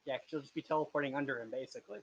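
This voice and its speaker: A man's voice: mid-range voice, steady tone, racing, breathy edge. A man running an online tabletop game as game master, explaining the scene with hesitant fillers. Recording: dull lo-fi mic.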